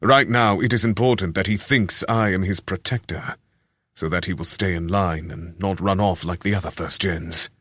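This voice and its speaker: A man voicing a calculating leader, speaking in a brisk, matter-of-fact way. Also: deep voice, a bit bright, husky, no echo.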